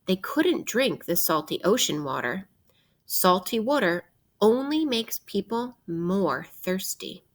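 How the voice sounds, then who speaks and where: Her medium-pitched voice swings widely in pitch as this teacher reads a picture book aloud to kids. She's deliberate and instructive, stopping to pose questions.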